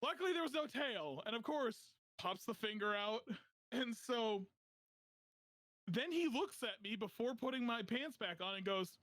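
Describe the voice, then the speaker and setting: Young male podcaster, high pitch, animated storyteller, dead-dry mic. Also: unhurried, dry recording. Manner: animated, laughing while telling a story. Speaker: podcast host. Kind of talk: casual storytelling.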